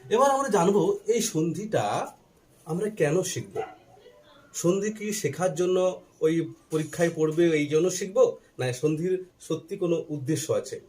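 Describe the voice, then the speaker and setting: A man teaching a Bengali grammar lesson, slowly spelling out letters and asking and answering his own questions, with a faint Bangladeshi Bengali accent. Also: a little high, darkish tone, a little hiss or hum. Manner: slow and deliberate while writing, spelling out letters.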